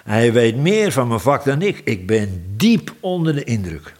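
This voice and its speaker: A man's voice: medium pitch, sing-song, measured pace, darkish tone. A man voicing an earnest, easily impressed male dwarf baker in a storybook, sounding earnest and awed. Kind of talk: storybook reading.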